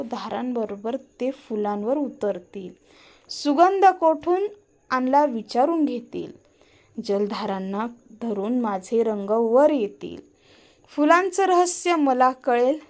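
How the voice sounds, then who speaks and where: Vain male sky spirit in a storybook, a woman reading it, slow and a bit high-pitched, boastful and coaxing. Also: mellow. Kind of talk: storybook character voice.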